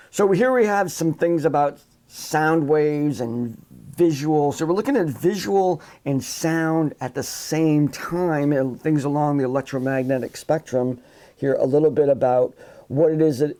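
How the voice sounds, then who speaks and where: A man's voice: on the high side, dark tone. A man teaching a live online psychology class, talking casually into his computer microphone with frequent restarts and asides. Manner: casual, rambling with restarts, demonstrates sounds with his voice. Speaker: psychology instructor.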